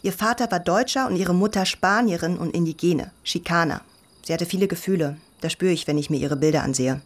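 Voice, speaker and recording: An actress voicing a spiritual teenage girl, the youngest sister, who turns defensive and flares up quickly in a dubbed drama. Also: on the low side, natural voice. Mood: guarded.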